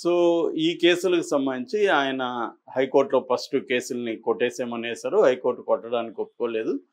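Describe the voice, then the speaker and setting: A male news analyst with a Telugu accent offers conversational political commentary at medium pitch. He explains haltingly, mixing in English words.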